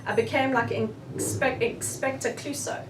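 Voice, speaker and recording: A woman's voice: sits high, steady tone, a little slow. A woman with a South African accent, an author speaking frankly and with animation at a book launch event. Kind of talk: candid book launch discussion. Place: bookshop event room. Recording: roomy, distant, with faint room noise.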